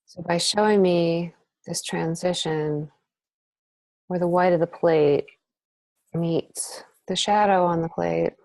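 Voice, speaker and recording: Woman painting instructor, low and dry-sounding, chatty and thinking aloud mid-demo. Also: steady tone, slow, pauses often, a little mellow, no room sound. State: breathing heavily while painting. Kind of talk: live painting demonstration. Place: art studio.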